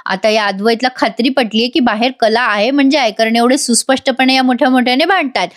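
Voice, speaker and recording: A woman narrating a recap of a TV drama with a slightly high voice. She is chatty and opinionated, often turning to her viewers to share her view of the story. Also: fast talker.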